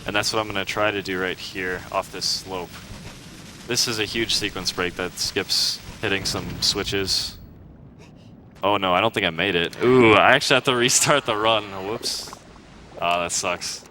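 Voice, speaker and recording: A man, a speedrunner, gives relaxed live commentary as he plays, explaining tricks with small restarts and fillers. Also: sits low, a little hiss or hum. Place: live charity marathon event.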